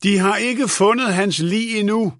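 A man voicing a blunt young female care assistant who shouts her news in an audiobook. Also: high-pitched, animated, breathy edge, no echo, studio quality, voice pushed up, exaggerated voice.

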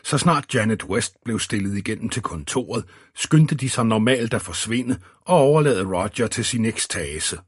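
A man reading an audiobook in a steady, even scripted narration. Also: lowish voice, few pauses, breathy edge, dry recording, studio quality.

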